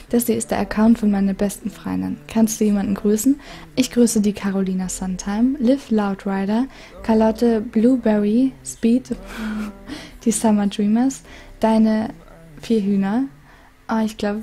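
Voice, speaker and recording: Calm, very mellow-voiced young woman. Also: mid-range voice. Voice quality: calm, soothing voice. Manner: giggly, reads letters aloud with frequent laughs. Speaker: gaming YouTuber. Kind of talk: casual chat reading viewer mail.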